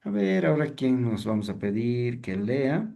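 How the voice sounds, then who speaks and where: Male seminary teacher, warm mellow tone, loose conversational lecturing style. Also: mid-range voice, sing-song, a little slow, vocal fry. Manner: conversational, asks the class rhetorical questions; acts out sample preacher greetings to show mistakes. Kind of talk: evening class lecture.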